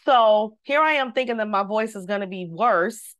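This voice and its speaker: As a guest, a woman who sings recounts something from her own life in relaxed conversation, speaking at a moderate pace with a medium-pitched voice. Full of energy and faith, she acts out each quoted voice.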